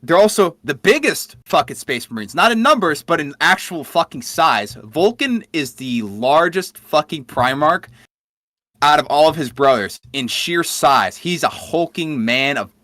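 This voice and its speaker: A man's voice: a little high, very animated, measured pace, sharp tone, dry recording, studio quality. A man co-hosting a podcast, telling game lore in a profane, enthusiastic casual chat. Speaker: podcast co-host.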